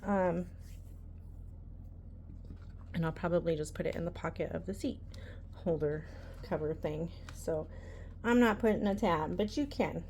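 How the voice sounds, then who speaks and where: A woman's voice: lowish voice, measured pace, pauses often, a little mellow. Woman, casual crafting how-to, rambling chatty delivery, faint room hum behind. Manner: chatty, rambling, many ums. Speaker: embroidery tutorial host.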